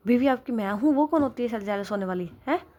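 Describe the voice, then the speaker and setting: A woman narrator doing a jealous young wife, voice pitched up and loud with indignation. She sounds possessive and quick to flare, storybook style, in a plain middle register. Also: breathy edge. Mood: jealous, indignant. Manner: indignant, raised voice.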